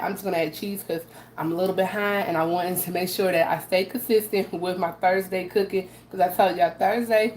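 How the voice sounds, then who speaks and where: A woman whose voice is raspy from allergies hosts a casual live cooking stream in her home kitchen, chatting to viewers and often adding "okay?" Her voice is medium-pitched and darkish. She adjusts the camera by hand, and the recording has a roomy echo with faint background noise.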